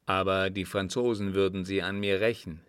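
A man voicing a cold, guarded older desert sheik in an audiobook reading, with a measured, cool delivery. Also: sits low, steady tone, a bit bright, clean tone, no echo, clean studio sound.

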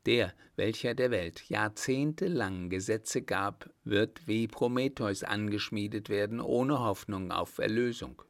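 A man with a low voice voicing a pale, wounded young wife who speaks softly and tenderly. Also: a little slow, creaky, few pauses, no room sound, studio quality. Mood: quietly defiant. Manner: soft, quiet and tender.

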